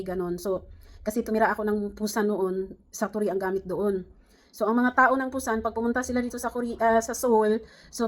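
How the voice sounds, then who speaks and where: A woman's voice: medium pitch, darkish tone. A middle-aged woman from the Philippines, chatting casually to camera, rambling with many fillers and restarts. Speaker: vlogger.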